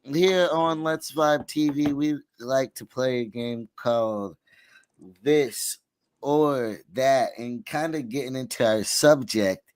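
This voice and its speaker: A man's voice: mid-range voice, no echo. A man hosting a casual livestream talk show, hyping up viewers and repeating his call-outs. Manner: hype, calls out to viewers, repeats phrases. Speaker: host.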